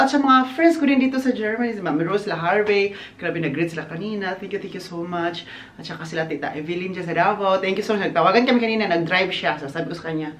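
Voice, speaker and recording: A man chatting casually in a birthday vlog, animated and laughing often, slipping English phrases into his talk. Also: sits high, a little hiss or hum. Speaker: vlogger. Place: outdoors on a windy day. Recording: echoey, roomy sound.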